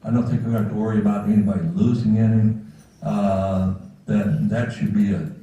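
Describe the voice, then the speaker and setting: A man's voice: fairly low pitch, level tone, moderate pace, warm tone, highs cut off. A plain-spoken, folksy man making informal remarks at a club meeting. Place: meeting room, far from the mic. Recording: very echoey room, distant mic, faint noise.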